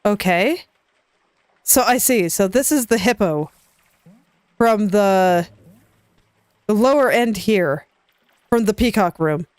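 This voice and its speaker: A woman's voice: mid-range voice, lively intonation, a little mellow, no room sound. A woman giving casual, chatty commentary as she plays a video game, talking to herself as she goes. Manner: chatty, self-talking, quick laughs. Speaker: let's play gamer.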